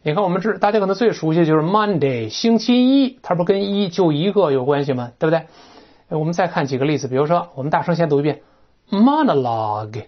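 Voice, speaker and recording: Chatty English teacher, lively swooping delivery, dull lo-fi recording. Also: mid-range voice, fast. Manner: animated, chatty, imitates sounds, often asks "right?". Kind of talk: classroom-style lecture on vocabulary.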